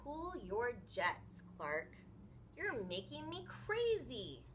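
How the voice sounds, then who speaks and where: Lady playing a panicky fed-up little boy fish in a storybook, high and super animated. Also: slow, slight background noise, full character voice. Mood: exasperated. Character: exasperated, easily alarmed young male mackerel. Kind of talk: animated storybook read-aloud.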